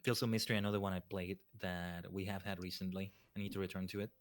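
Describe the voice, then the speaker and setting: A man with a somewhat low voice talks casually on a livestream. He rambles along as a guest, often doubling back to repeat a phrase. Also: flat delivery, fast talker. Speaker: guest streamer.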